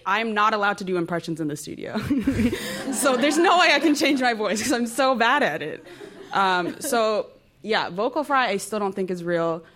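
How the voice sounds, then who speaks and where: A woman with an average-pitched voice in casual panel chat. She is informal and giggly, talking as a fellow podcaster. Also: lively intonation, moderate pace, fairly bright tone.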